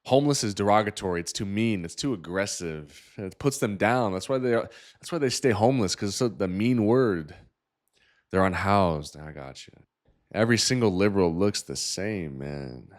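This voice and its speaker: Deep-voiced sarcastic man ranting. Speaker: host reviewing dating profiles. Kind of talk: reaction commentary.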